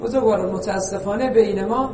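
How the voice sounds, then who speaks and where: A man's voice: high voice, darkish tone. A man giving an informal religious lesson to a congregation, chatty and teasing, asking rhetorical questions. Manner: conversational, rhetorical questions and jokes. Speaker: preacher. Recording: echoey hall, distant mic, faint noise.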